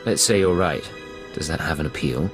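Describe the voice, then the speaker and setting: An actor playing a composed male Imperial secret agent with a measured, formal manner. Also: a bass voice, over music. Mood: smooth, flirtatious.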